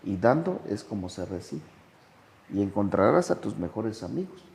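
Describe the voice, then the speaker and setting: A man, talking slowly and reflectively as a sponsor, telling anecdotes with big swings in pitch. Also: very animated, gravelly, a little mellow, long reverb tail. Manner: slow, measured delivery with dramatic pitch swings when telling anecdotes. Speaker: sponsor and podcast guest. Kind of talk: reflective conversational storytelling.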